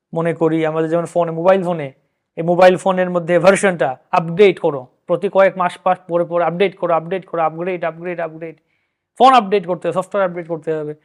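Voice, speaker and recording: A man with a Bengali accent hosting a devotional discussion, explaining in a lively storytelling way. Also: high voice. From India. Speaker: host.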